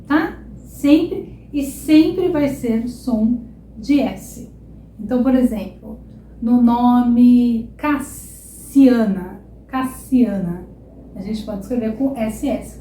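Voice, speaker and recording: A Brazilian woman teaching a Portuguese lesson online, repeating example words slowly and checking in with "tá?" and "ok?". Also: fairly high pitch, warm tone, reverberant, slight background noise. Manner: slow, drawn-out repetition of example words; checks in with frequent "tá?" and "ok?".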